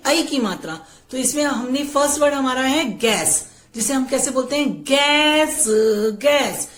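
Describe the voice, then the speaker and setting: A woman's voice: sits high, echoey room. A woman teacher giving a patient phonics lesson to young children. She asks the class questions and says each word twice.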